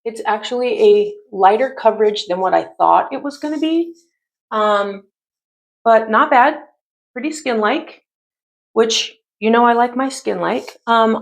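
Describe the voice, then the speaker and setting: A woman in her mid-fifties chatting casually through a makeup tutorial, rambling with many pauses and fillers. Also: fairly high pitch, gravelly. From United States. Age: 50s. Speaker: beauty vlogger.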